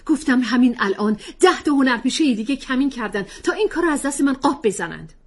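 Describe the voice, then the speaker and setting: A woman's voice: high voice, animated, breathy edge, pitched above the performer's own voice, exaggerated voice. A woman reading a story aloud, voicing a frustrated mother and actress arguing with her husband.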